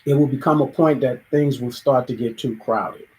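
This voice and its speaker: Moderately paced and darkish in tone, a medium-pitched male host thinks aloud in a solo monologue, acting out ordinary conversations and occasionally restarting; the recording is low quality.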